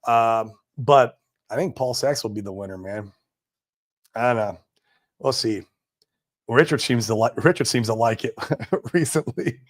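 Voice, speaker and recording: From his home in Puerto Rico, a man in his forties hosts a casual livestream, reading viewer comments and chatting in a laid-back, slangy way full of "man" and "dude." His voice is mid-range and a little slow, with frequent pauses.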